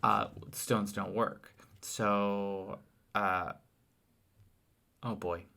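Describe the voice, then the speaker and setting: A man's voice: on the low side, fairly even intonation, drawn-out words, creaky, bright, forceful tone. A man co-hosting a podcast in casual chat, tired late at night, rambling with restarts and trailing thoughts. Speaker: podcast co-host.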